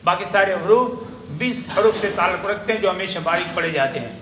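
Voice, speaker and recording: A man with a high, bright voice teaches Quran recitation rules to a memorization class. He explains patiently, repeats himself and models how to shape the lips. The room is echoey, with faint ambient noise behind him. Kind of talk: tajweed lesson for memorization class.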